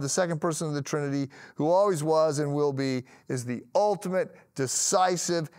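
An older man, a pastor in his sixties, giving an animated devotional talk to camera in a studio, often lifting his voice for emphasis. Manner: animated, gestures a lot, rises in pitch for emphasis. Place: studio with plain grey backdrop.

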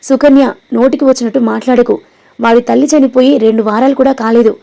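Give me a stern old grandfather, read by a woman, fairly high and mellow. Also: steady tone, fast talker, creaky. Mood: angry. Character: older grandfather, stern and protective.

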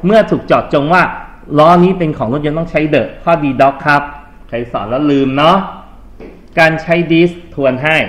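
A man teaching English grammar in a classroom review, speaking with a Thai accent, patient and coaxing as he reads exam sentences slowly. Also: a little high, fairly bright tone.

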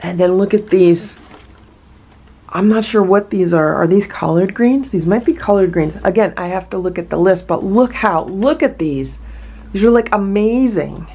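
Here a warm, husky, mid-range female voice comes through a muffled recording at normal speed. She's a vlogger opening a produce box from a farm at home, sounding excited and conversational with lots of tangents.

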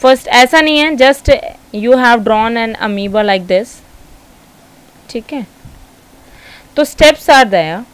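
A woman with an Indian accent teaching a school science class, mixing Hindi and English, dictating notes slowly and reminding students to listen carefully. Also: on the high side, smooth, low-quality recording. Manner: slow, dictating notes word by word, switching between Hindi and English.

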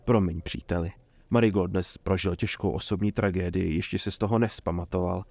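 A man voicing a calm, terse male witcher who speaks in a low-key way. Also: gravelly, husky, no room sound, heavily acted. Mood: grave.

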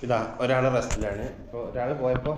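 A man's voice: medium pitch, little pitch movement, fast, crowd noise. Chatty man in echoey room. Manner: chatty, teasing, often laughing. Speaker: family vlogger. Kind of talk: casual family vlog. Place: hospital room.

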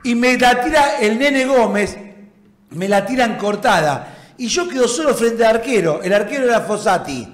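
A man's voice: very high voice, animated, normal speed. A man with an Argentine accent, a former footballer, telling an anecdote animatedly and laughing often. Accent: Argentine Spanish. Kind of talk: storytelling anecdote in conversation. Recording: roomy echo.

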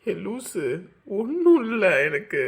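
A young man playing a lovesick son who is weak from fasting and speaks in a subdued, low way. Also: very animated, husky, heavily acted. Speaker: grown son.

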